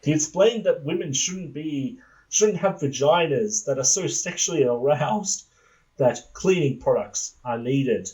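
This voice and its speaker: A podcast host telling an absurd comic story in a deadpan, rambling way. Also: male voice, on the high side, measured pace, low-quality recording. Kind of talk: comedic storytelling.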